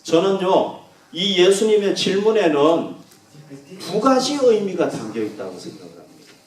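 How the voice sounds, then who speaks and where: Male pastor, fairly high voice, lively delivery, earnest sermon, recorded from a distance in a church. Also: moderate pace. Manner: earnest, emphatic, swings from loud to soft. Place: church sanctuary. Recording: echoey church room from a distance.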